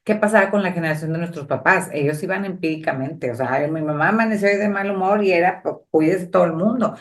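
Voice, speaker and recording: Low-voiced woman telling stories. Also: fast. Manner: animated personal storytelling, frequent "o sea" and "¿sabes?" tags. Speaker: podcast co-host. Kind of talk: casual conversation.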